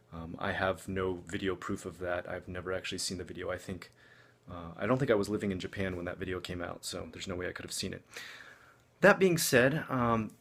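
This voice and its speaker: A man talks to his viewers in a casual vlog style. His voice sits on the low side with a strong vocal fry. He rambles conversationally and is openly self-deprecating. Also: fairly bright tone. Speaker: vlogger. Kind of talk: casual vlog update to camera.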